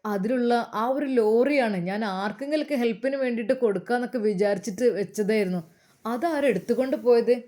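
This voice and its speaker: A woman's voice: on the high side, fast talker, dark tone, natural voice. A woman voicing an upset young husband pleading with his mother.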